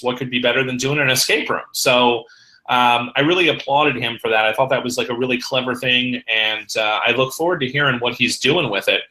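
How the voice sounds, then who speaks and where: A middle-aged man talking casually on a podcast, voice very bright and forward. He rambles and leans on fillers, and the sound carries a noticeable room echo. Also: medium pitch. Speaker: podcast guest.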